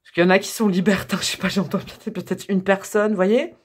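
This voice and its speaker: A woman's voice: medium pitch, steady tone, fast, husky. A woman giving a casual tarot reading to camera, chatty and thinking aloud with many fillers and small laughs. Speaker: tarot reader.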